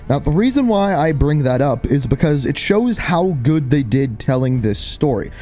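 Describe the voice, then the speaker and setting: A man's voice: fairly high pitch, sing-song, normal speed, warm tone. A man narrating a scripted video game review essay, stressing key words emphatically. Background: background music.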